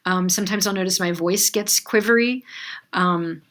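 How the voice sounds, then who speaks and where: A woman's voice: medium pitch, normal speed, fairly bright tone. A middle-aged woman clinical supervisor giving a conversational training lecture, with frequent fillers and asides.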